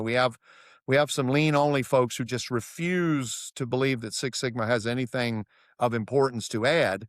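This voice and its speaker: A man's voice: medium pitch, no room sound, clean studio sound. A man talking as a consultant guest in an interview, telling stories and acting out what others said. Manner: animated, acts out quoted dialogue. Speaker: guest, process improvement consultant. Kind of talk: storytelling interview answers.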